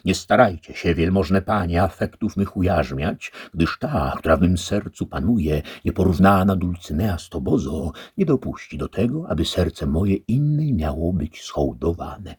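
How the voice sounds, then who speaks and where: A man voicing an exalted old knight who declaims loudly and grandly. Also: low-pitched, lively intonation, unhurried, hardly any pauses, slightly rough, dry recording, studio quality, voice pushed up, exaggerated voice. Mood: impassioned. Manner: declamatory, raised voice.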